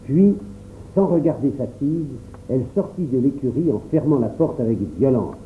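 A man narrating a storybook in a calm, measured first-person reading. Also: mid-range voice. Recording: tinny phone-like sound, faint noise.

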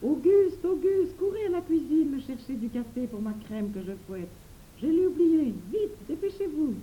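A woman's voice: high-pitched, moderate pace, dull audio, a little hiss or hum. A woman voicing eager, bossy little girls in an audiobook. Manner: lively, bossy. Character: young girls, eager and impatient. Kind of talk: audiobook character reading.

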